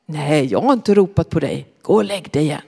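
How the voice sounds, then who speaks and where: A woman's voice: low voice, expressive, vocal fry, mellow, slightly rough, voice pushed down, full character voice. A woman voicing an old male priest, patient and kindly, in a long-reverb hall. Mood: calm.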